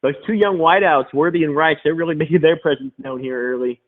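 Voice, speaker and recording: A man's voice: on the high side, a little fast. A man giving casual color commentary on a football stream, conversational and reacting to the host. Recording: tinny phone-like line.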